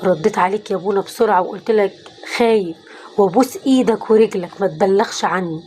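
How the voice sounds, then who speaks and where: A woman's voice: medium pitch, fast, a little mellow, a little hiss or hum, natural voice. A woman voicing a repentant middle-aged former thief who confesses in an Egyptian accent, in a pleading tone. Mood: remorseful. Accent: Egyptian Arabic.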